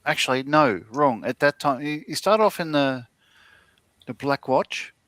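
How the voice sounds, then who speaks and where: A middle-aged Australian man co-hosts a livestream, chatting casually and telling rambling stories full of fillers and restarts. His fairly high voice is unhurried and a bit bright, with no room sound.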